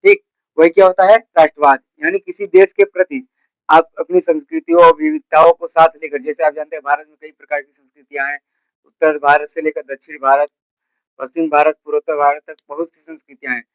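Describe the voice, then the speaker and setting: A man teaching a school history class. He asks his students questions and answers them himself, and he repeats the key terms slowly. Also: on the high side, little pitch movement, no echo, low-quality recording. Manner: repeats key terms slowly, with a filler word after each point. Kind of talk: classroom lecture.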